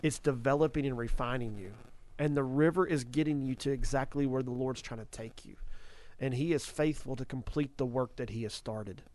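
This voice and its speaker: A man's voice: medium pitch, brisk, darkish tone. A man hosting a faith talk show, speaking earnestly and repeating phrases for emphasis. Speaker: ministry podcast host.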